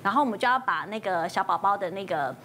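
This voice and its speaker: A woman's voice: fast talker, slight background noise. A woman nurse on a TV talk show, telling a story from her student days and shrilly acting out a panicked mother. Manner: animated, jumps to a shrill pitch when quoting.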